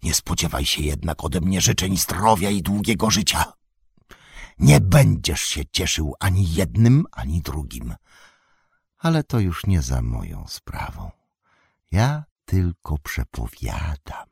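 A man voicing an old, fallen male wizard who is scornful and spiteful, speaking slowly and menacingly in an audiobook reading. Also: low-pitched, very animated, creaky, husky, dry recording, clean studio sound, full character voice. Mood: bitter. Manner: sneering, slow and menacing, rising to shouts.

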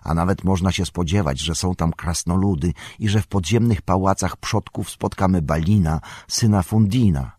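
A man voicing a grave, commanding old male wizard in an audiobook, speaking in a husky, measured, solemn way. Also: low-pitched, a little mellow, no room sound, clean studio sound. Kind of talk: audiobook character reading.

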